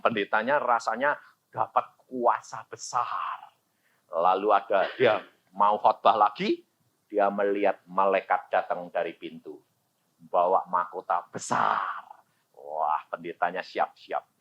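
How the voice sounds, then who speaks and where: Man, pastor's sermon, loud calls and hushed asides, dull lo-fi recording. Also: fairly low pitch, slow pace. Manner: dramatic storytelling, swinging from loud calls to quiet asides.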